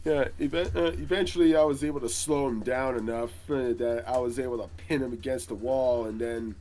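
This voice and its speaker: A man's voice: medium pitch, steady tone, a little fast, warm tone, natural voice. A man playing a rambling veteran magic hero. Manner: rambling, hesitant, full of filler words. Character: boastful veteran male magic hero, middle-aged. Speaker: interview guest. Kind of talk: improvised role-play podcast interview.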